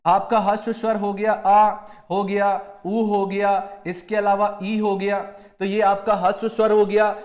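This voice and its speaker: A male teacher with a Madhya Pradesh Hindi accent runs an exam-prep grammar lesson, throwing out questions and answering them himself. His voice sits high, and he keeps repeating key terms as he calls the students dear friends. The room around him is echoey. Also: level tone, a little slow, darkish tone. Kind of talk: online exam-prep lecture.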